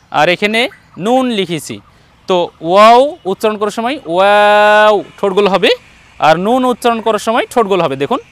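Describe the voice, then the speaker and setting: A man's voice: high voice, fairly bright tone, dry recording. A man with a Bangladeshi Bengali accent, teaching Quran letter pronunciation online and patiently repeating each sound for his students.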